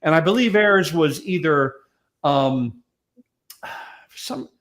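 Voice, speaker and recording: An American man, a guest commentator on classic film and radio, discusses them casually with wry knowledge, often stammering and restarting his phrases hesitantly. His voice is fairly high, expressive, slow, and a bit bright.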